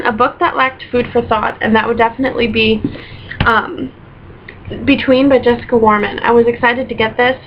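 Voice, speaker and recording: A woman's voice: fairly high pitch, a little hiss or hum. A young woman chatting casually in a book review vlog, gushing and piling up repeated words for emphasis, recorded at home on a built-in camera mic. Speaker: book vlogger. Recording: dull lo-fi webcam audio.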